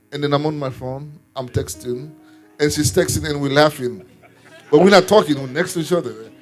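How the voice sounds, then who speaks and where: A man who serves as an apostle, sharing a personal testimony in a ministry talk, earnest and repeating his words as he tells the story. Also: on the high side.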